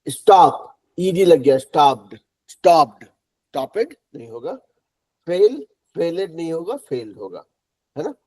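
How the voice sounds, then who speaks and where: A middle-aged man from Bihar teaching English pronunciation in a classroom, spelling words out letter by letter and repeating them slowly. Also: fairly high pitch, very animated, dark tone, husky. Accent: Bihari Hindi. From Bihar, India.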